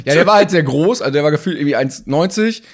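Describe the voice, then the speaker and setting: A man's voice: fairly high pitch, quick pace. A man co-hosting a podcast, telling a comic story in casual talk and acting out the dialogue in different voices. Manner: animated, acts out dialogue with shifting voices. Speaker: podcast co-host.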